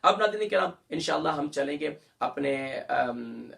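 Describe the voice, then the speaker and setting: A man teaching a Ramadan tajweed lesson. He explains letter sounds, then recites verses slowly with long drawn-out vowels. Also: a little high, animated, gravelly, fairly bright tone.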